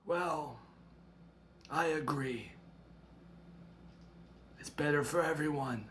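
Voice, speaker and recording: Man playing stern older grandmother, slow measured delivery, somewhat high voice, faint hiss behind, amateur drama. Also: fairly bright tone. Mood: menacing. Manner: measured, grave, threatening. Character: stern protective grandmother, older woman, menacing resolve.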